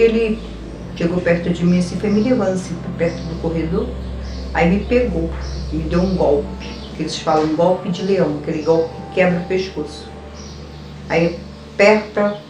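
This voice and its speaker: A woman's voice: fairly low pitch, background noise. Brief: Brazilian woman, documentary interviewee, intense recollection, recorded far off in a reverberant room with music. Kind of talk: personal testimony. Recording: echoey room, distant mic, faint music.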